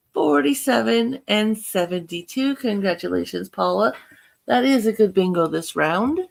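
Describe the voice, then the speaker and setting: A woman casually hosting an online bingo game, chatty, reading numbers deliberately and congratulating players. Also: lowish voice, creaky. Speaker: bingo host.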